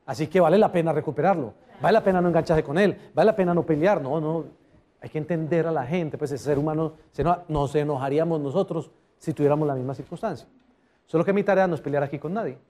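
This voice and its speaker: A man giving a lively customer service seminar, often putting questions to the audience. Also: a little high, fast talker. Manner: animated, asks the audience questions. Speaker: motivational speaker.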